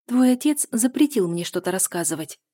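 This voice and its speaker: A woman's voice: medium pitch, expressive, fairly quick, warm tone, no echo, clean studio sound, lightly acted. A woman voicing a defiant young heroine who snaps back through tears in an audiobook. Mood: tearful. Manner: raised, pleading and snapping. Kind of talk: audiobook character voice.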